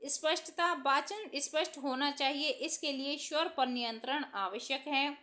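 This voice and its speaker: A woman teacher reading exam answers aloud from study notes in a steady, dictation-like way, announcing each question number. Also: sits high, unhurried.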